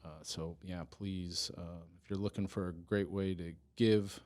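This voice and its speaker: A man with a very low, deep voice talks through a casual podcast interview about his police department's work. He is earnest, stops and restarts often, and laughs easily. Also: steady tone, a little slow, darkish tone. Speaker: police department chief of staff, guest.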